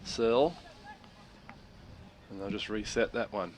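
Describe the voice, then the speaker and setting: A man's voice: on the low side, slow. A man calling live baseball play by play as a broadcast commentator. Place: outdoor baseball stadium broadcast. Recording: background ambient noise at ballpark.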